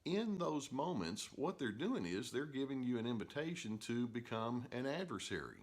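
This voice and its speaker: An older man, a therapist, explaining calmly and telling stories, with frequent "uh" fillers. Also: medium pitch, moderate pace. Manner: calm storytelling with filler "uh"s. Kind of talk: educational talk to camera.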